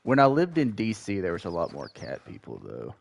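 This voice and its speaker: A deep-voiced man with a gravelly edge and a faint Southern accent. He chats in a loose, rambling way with his viewers as he plays, never in a rush to finish a thought. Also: wildly swooping pitch, fairly quick, slight background noise. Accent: mild Southern US. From Georgia, US. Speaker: gaming streamer. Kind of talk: casual chat while gaming.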